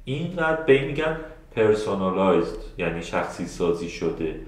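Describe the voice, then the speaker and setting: A man's voice: sits low, big pitch swings. A man teaching a live webinar, talking loosely with many filler sounds and restarts, speaking straight to his students and answering their questions. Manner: addresses the audience directly and answers their questions. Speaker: webinar instructor. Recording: very echoey room.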